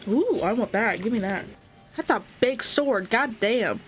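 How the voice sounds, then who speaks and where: A woman hosts a casual gaming playthrough. Her voice is fairly high, and she mutters self-deprecating asides to herself and the game, with soft music behind her. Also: expressive, a little slow. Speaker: gaming host. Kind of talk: casual let's play commentary.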